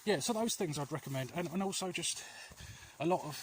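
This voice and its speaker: Brisk and expressive, this slightly high male voice comes from a vlog host walking through alleys. He chats casually with viewers, giving earnest, comforting advice while often losing track of his point, and ambient outdoor noise is clearly heard.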